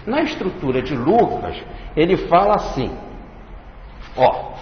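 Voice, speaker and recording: Male lecturer, religious study talk, unhurried, melodic delivery, echoey hall recording. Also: a little high, very animated. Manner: explanatory, repeats and enumerates points slowly. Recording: echoey hall, dull lo-fi, faint hiss.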